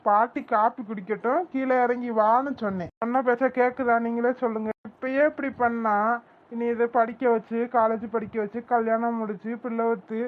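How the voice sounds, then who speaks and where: Worried cartoon young mother, voiced by a woman, exasperated and fretful, high and tinny. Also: steady tone, normal speed, natural voice.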